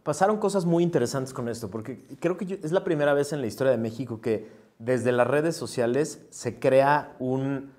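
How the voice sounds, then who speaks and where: Male interviewer, mid pitch, thoughtful questions. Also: normal speed, a little mellow.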